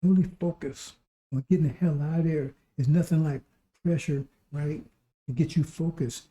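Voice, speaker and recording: A man delivers a sermon in a very mellow, dark voice that sits a little high. He sounds hoarse, as if recovering his voice, and exhorts listeners with repeated phrases and rhetorical questions. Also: steady tone, moderate pace. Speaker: preacher.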